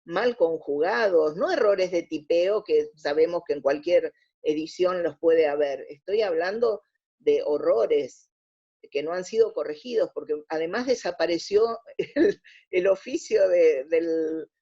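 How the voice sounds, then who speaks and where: A native Spanish speaker from Argentina talks unhurriedly as a radio interview guest, laying out her opinions and reworking sentences midway. The voice is lowish, mellow and husky, with the high frequencies cut off.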